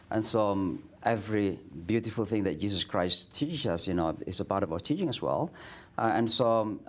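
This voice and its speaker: A middle-aged man with an Indonesian accent and a fairly low voice is a guest imam telling stories in a studio interview. He speaks earnestly, often restarting and filling pauses.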